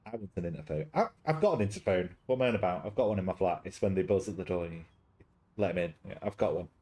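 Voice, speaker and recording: A man's voice: low-pitched, animated, quick pace, warm tone. Chatty man streaming a game. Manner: chatty, jokey, easily sidetracked. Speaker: streamer reading a visual novel aloud. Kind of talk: casual live-stream chat and game narration.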